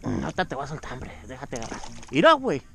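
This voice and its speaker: A man, chatting excitedly and swearing freely while fishing, recorded outdoors on a boat by an action camera. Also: medium pitch, quick pace, creaky, a little hiss or hum. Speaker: angler filming his fishing trip. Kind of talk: casual fishing vlog banter. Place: outdoors on a bass boat on a lake. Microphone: first-person action camera.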